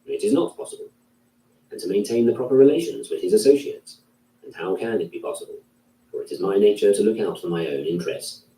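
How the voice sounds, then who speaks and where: Male reader, dark mellow tone, measured delivery, distant echoey recording. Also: lowish voice, lively intonation, a little hiss or hum. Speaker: narrator. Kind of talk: reading a classic philosophy text aloud. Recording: roomy, distant from the mic.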